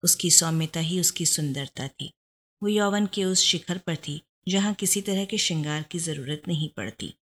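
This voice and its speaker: A woman narrating a story aloud, reading in an even, expressive way. Her voice sits a little low. She tells it steadily. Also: moderate pace.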